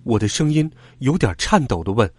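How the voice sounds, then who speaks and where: A man narrating a children's story in an animated, expressive way. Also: medium pitch, brisk, husky.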